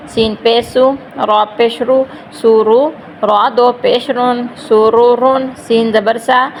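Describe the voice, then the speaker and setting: A woman teaching Quran reading. She spells out syllables slowly, joins them, and explains quickly between the drills. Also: a little high, a little hiss or hum, rough recording. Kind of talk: slow letter-by-letter recitation lesson.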